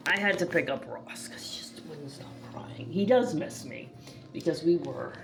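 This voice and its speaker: A woman's voice: sits low, expressive, moderate pace, creaky, whispered, over music. A woman from the northeastern US talking casually to her camera in a chatty, rambling way, full of fillers and restarts. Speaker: vlogger.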